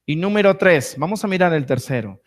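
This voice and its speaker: Male apostle, raised pitch, sermon delivery, rhetorical call-and-answer, vivid scripture retelling. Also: expressive, a little fast. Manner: asks the congregation rhetorical questions and answers them; reads scripture aloud and retells it with vivid asides. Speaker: apostle preaching.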